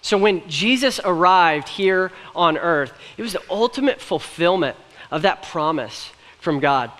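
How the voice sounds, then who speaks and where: Preaching as pastor on the stage of a big church hall, a young man sounds high-pitched, animated, a bit bright, and a little slow. He's earnest and chatty with light humor, and the room gives his words a long hall reverb.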